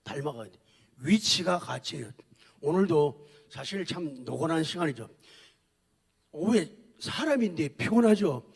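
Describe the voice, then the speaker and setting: A man preaching a sermon with emphatic repetition, swinging between loud declarations and quiet, intimate asides. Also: fairly high pitch, lively intonation, a little slow, creaky, long pauses. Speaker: pastor.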